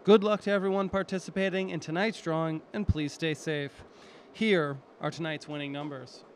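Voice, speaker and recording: Man, lottery draw host, somewhat high pitch, formal scripted announcing, measured delivery, faint noise behind. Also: fairly even intonation.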